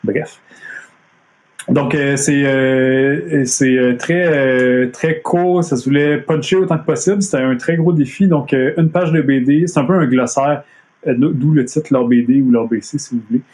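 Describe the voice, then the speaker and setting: A man's voice: mid-range voice, steady tone, normal speed, a little mellow. A man with a Montreal French accent giving a casual talk from home over a live stream, hesitant with many fillers and restarts. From Quebec. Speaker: comic artist giving a talk. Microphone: computer mic on a video stream.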